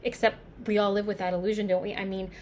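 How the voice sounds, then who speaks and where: A woman's voice: medium pitch, level tone, a little mellow, natural voice. Actress as reflective woman in intense dramatic monologue, noisy recording. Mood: intense, questioning. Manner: halting, confiding, pausing and repeating words for emphasis. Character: reflective New York woman musing on mortality. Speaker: actor performing a stage monologue.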